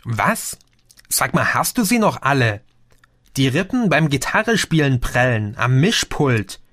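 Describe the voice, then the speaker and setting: A man's voice: mid-range voice, very animated, a little slow, a bit bright, no room sound, studio quality. A man doing a mocking, incredulous young guy.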